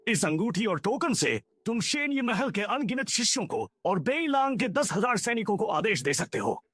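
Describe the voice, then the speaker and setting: A man's voice: high voice, big pitch swings, moderate pace, a bit bright, husky, dry recording, studio quality, full character voice. A man voicing an old, fatherly martial arts master in a dubbed drama, giving solemn advice. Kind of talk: Hindi dub acting.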